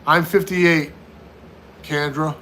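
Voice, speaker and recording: A talkative American man in his fifties whose voice sits a little high for a man. He runs a relaxed live-stream chat and repeats his points as he answers viewers one by one. A faint hiss runs under his speech. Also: slow, low-quality recording. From United States. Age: 50s. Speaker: livestream host.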